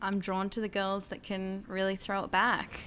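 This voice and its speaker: A woman's voice: medium pitch, little pitch movement, a bit bright, a little hiss or hum. A woman hosting a podcast in casual chat, reacting briefly and teasing her guest. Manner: responsive, quick with short reactions and jokes. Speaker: podcast host.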